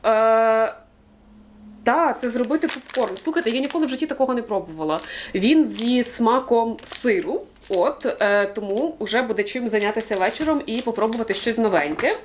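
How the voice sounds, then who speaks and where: A woman's voice: on the high side, normal speed, slight background noise. Chatty young woman unboxing gifts. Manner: chatty, thankful, excited, with many fillers. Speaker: book vlogger unboxing a gift. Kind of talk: casual unboxing chat. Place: home room.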